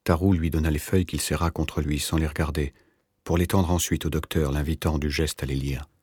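A man narrating a novel in a measured, literary reading. His voice is extremely deep and husky, recorded dry and close with no room sound. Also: steady tone, a little mellow, no echo. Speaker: audiobook narrator.

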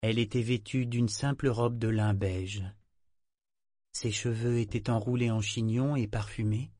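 A man narrating an audiobook in a measured, expressive reading. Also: mid-range voice, no echo, studio quality. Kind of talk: scripted narration.

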